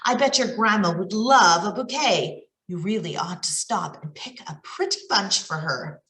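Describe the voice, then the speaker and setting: A woman's voice: mid-range voice, lively intonation, normal speed, sharp tone, roomy sound. Woman playing a sly storybook big bad wolf. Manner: smooth-talking, faking a sweet grandmotherly voice.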